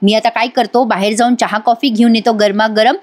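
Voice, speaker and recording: A young husband who mutters irritably to himself and then turns urgent and protective, as a woman reviewer reads his lines. The voice sits high. The lines are delivered plainly, close to a reading. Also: steady tone, brisk, darkish tone, close to an everyday voice. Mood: grumbling.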